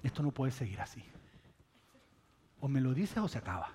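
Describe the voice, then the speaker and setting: A man's voice: very animated, normal speed, darkish tone, slight background noise, lightly acted. A man putting on a pouting, wheedling young woman. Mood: sulky. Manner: pleading and sulky, bursting into shrill alarm cries.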